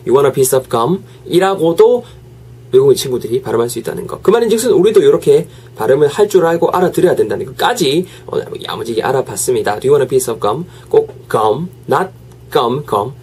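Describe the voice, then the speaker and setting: A man with a slightly husky voice gives a casual video English lesson. He switches between languages and repeats short phrases over and over. His delivery is lively and encouraging. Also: mid-range voice, fairly quick. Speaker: English teacher.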